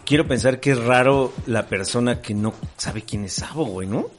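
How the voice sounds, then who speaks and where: A man's voice: mid-range voice, normal speed, very noisy. A man with a Mexican accent, co-hosting a casual comedic podcast, rambling and restarting his thoughts. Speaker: podcast co-host.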